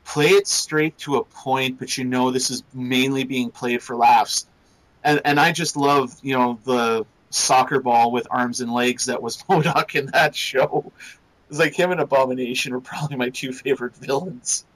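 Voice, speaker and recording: Brief: male podcast co-host, mid-pitch, loose rambling delivery full of restarts. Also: steady tone, normal speed, a bit bright, low-quality recording. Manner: rambling, restarts often, laughs while describing. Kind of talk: casual chat reviewing a cartoon series.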